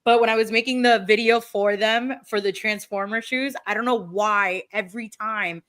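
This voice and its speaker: A woman's voice: medium pitch, fairly even intonation, moderate pace, fairly bright tone. A woman whose first language is not English, chatting casually as a podcast host, with a slight lisp on some words. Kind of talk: casual chat.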